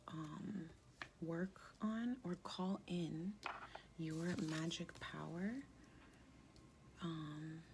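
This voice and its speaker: A woman with a deep, sultry, husky smoker's voice gives a soft-spoken, casual tarot reading in a halting, informal way. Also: a little hiss or hum. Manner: halting, informal, with pauses and frequent "like". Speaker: tarot card reader.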